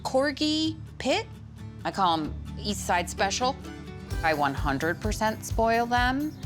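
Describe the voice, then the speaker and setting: A middle-aged woman from Sweden, a dog owner talking casually and playfully about her dogs. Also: fairly low pitch. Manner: chatty, playful, laughs at herself. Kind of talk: casual interview. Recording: music bed underneath.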